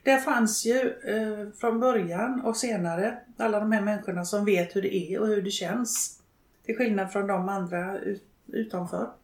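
Creaky, hesitant older woman. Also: mid-range voice, steady tone, darkish tone. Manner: hesitant, halting, many pauses and fillers. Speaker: interviewee, widow and network co-founder. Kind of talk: reflective interview talk. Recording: roomy, echoey room.

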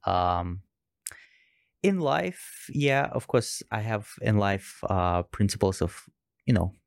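A man's voice: fairly low pitch, big pitch swings, slow, gravelly, no echo, studio quality. A man in a casual podcast conversation, speaking earnestly and repeating his key words for emphasis. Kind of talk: casual chat.

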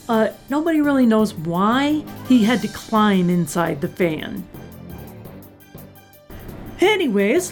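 A woman host in casual chat, hoarse and short of breath from asthma, chatty with sarcastic asides. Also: medium pitch, darkish tone. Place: Colorado.

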